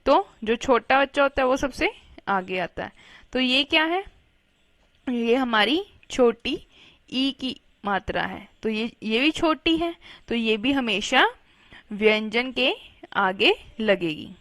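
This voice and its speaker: A woman teacher with a fairly high voice takes children through a Hindi reading lesson at a very slow pace. She spells each word out sound by sound, patiently and clearly, and her voice sounds dry and close. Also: lively intonation, fairly bright tone, no echo. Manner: patient, spells words out syllable by syllable.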